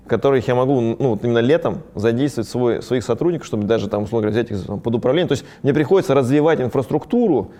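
A ski resort owner talks about his own operation in a quick, casual way, as though fielding interview questions. His medium-pitched voice is dark, mellow, and animated, and he keeps restarting and dropping in little fillers.

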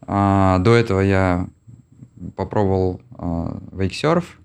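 A man in his forties from Russia, an interview guest who answers reflectively with many pauses and filler sounds. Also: sits low, fairly even intonation, gravelly, a little mellow, clear, resonant tone. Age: 40s. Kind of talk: casual conversation.

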